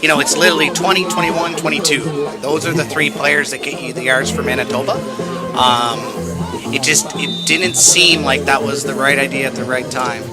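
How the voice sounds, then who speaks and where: A man's voice: mid-range voice, fairly even intonation, moderate pace, over loud music, a loud crowd, poor audio. A man giving color commentary on a football game in a conversational, analytical way with lots of ums and uhs. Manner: conversational, filler-heavy, analytical. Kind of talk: live sports analysis.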